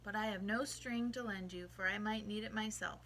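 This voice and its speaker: A woman voicing a selfish young man in a storybook, speaking loudly and pushily. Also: mid-range voice, steady tone, normal speed, a little hiss or hum, close to an everyday voice, rough recording. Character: selfish young man, a scheming harp player.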